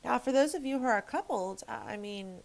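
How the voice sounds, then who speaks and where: Gravelly, frank-talking woman tarot reader. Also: fairly high pitch, lively intonation, a little fast, low-quality recording. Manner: frank and emphatic, swears freely, rambles with restarts. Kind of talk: casual tarot reading to camera.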